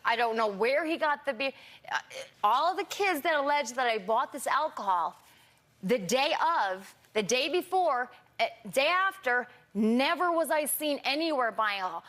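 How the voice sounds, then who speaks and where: A middle-aged woman with slurred speech, answering defensively and haltingly in an interview, often repeating and restarting her phrases. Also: high voice, expressive, a bit bright. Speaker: talk show guest. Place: television studio in front of an audience.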